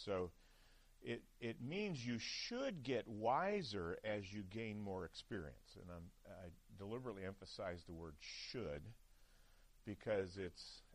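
A man preaching a chapel sermon at a seminary, talking conversationally with frequent "right?" checks and restarts. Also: deep voice.

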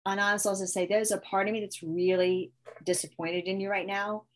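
A woman's voice: medium pitch, little pitch movement, brisk. A woman, a mother, explaining parenting techniques in a casual interview, often acting out example phrases she would say to a child. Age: adult parent. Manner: talks through ideas with many restarts and quoted one-liners. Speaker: parenting expert guest.

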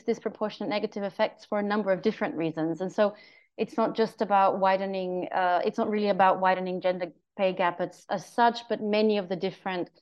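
A woman's voice: mid-range voice, clear, resonant tone, muffled recording. A woman researcher answering interview questions on a podcast, explaining carefully with frequent ums and uhs. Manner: careful, explanatory, many um and uh fillers. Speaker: guest researcher.

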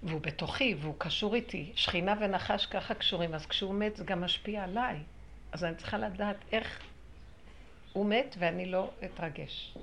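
Gravelly-voiced woman teaching a spiritual class. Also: mid-range voice, a little hiss or hum. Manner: animated, acts out quotes, laughs often. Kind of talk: spiritual lesson to a small group.

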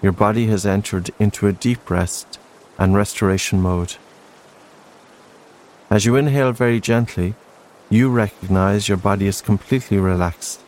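A man narrating a slow guided breathing meditation in a soft, soothing, unhurried way. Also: lowish voice, rough recording. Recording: faint steady background noise. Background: soft green-noise ambience.

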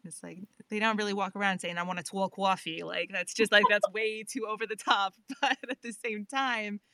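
A woman's voice: mid-range voice, fairly even intonation, moderate pace, bright, forceful tone, slight background noise. A woman who narrates audiobooks, chatting as a guest in an interview, talkative and laughing often. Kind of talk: casual interview chat. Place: lives in England.

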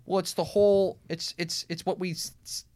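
A man's voice: high voice, flat delivery, moderate pace, a little mellow, no echo. A man with a Minnesota accent, co-hosting a conversational podcast and explaining ideas step by step, often thinking aloud through restarts and lists. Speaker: podcast co-host. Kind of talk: casual conversational podcast discussion.

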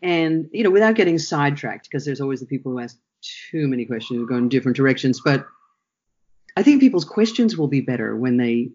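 A man, a workshop trainer, talking through his ideas in a relaxed interview, often restarting his sentences as he thinks. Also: mid-range voice, fast, husky, highs cut off. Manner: reflective, thinks aloud with frequent restarts.

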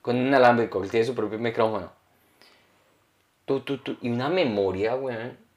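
A young man co-hosting a comedy podcast, telling stories in a lively, rambling way. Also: medium pitch, fast. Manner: animated, rambling storyteller. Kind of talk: casual podcast chat.

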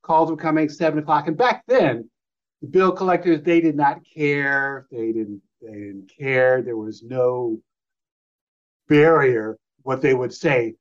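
A man's voice: medium pitch, unhurried. Middle-aged man telling a story, dull audio. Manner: loose, rambling, acts out remembered phone calls. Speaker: guest. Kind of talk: personal storytelling in conversation.

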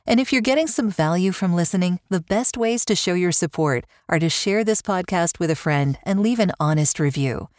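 A woman's voice: lowish voice, lively intonation, normal speed, few pauses, no room sound, studio quality. A woman hosting a podcast interview, who laughs easily and speaks appreciatively. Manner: warm, laughs often, appreciative. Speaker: podcast host.

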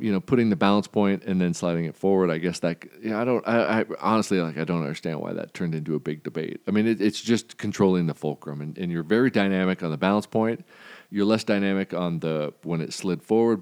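A man hosting a podcast, talking through shooting technique in a rambling, halting way, with many fillers and restarts. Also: low-pitched, darkish tone, smooth. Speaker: podcast host. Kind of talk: casual monologue on shooting technique.

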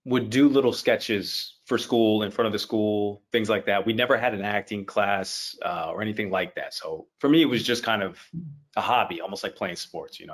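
Low-voiced young man from Haiti. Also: fairly bright tone. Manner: easygoing, laughs often, repeats phrases. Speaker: actor guest. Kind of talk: casual interview chat. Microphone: video call.

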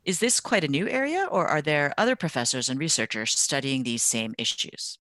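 A woman's voice: low-pitched, moderate pace, no echo. A woman hosting a podcast, reading a polished introduction and asking questions. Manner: bright, lively, polished. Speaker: podcast host.

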